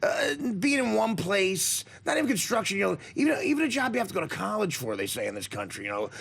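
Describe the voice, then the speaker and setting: A man's voice: high voice, big pitch swings, fast, creaky, fairly bright tone, slightly rough. A man hosting a casual studio interview, rambling and stammering through his questions and laughing often. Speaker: talk show host. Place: radio studio.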